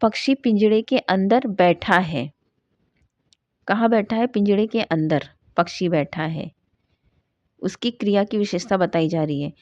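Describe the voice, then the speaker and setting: A woman teaching a grammar lesson, asking questions and answering them herself and slowing down to read out example sentences. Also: medium pitch, darkish tone, no room sound. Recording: dull dry lo-fi sound.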